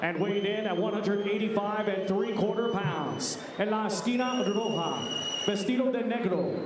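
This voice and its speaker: A man working as a ring announcer, booming out bilingual fight introductions in a theatrical, drawn-out lucha libre announcer manner. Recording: echoing arena PA, distant, crowd noise.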